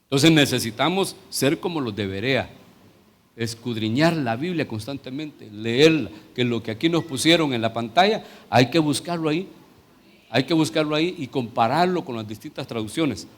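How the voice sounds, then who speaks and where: A man's voice: medium pitch, lively intonation, normal speed. A middle-aged man with a Salvadoran Spanish accent, a pastor teaching a sermon in a conversational way that turns into fervent prayer.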